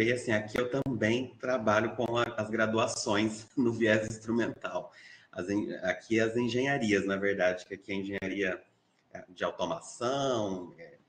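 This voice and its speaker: A man's voice: on the low side, a bit bright, a little hiss or hum. A man with a Brazilian accent, an English teacher talking in an online seminar, hesitant with many fillers and restarts, livelier when quoting his students. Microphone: video call. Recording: roomy echo on a video call.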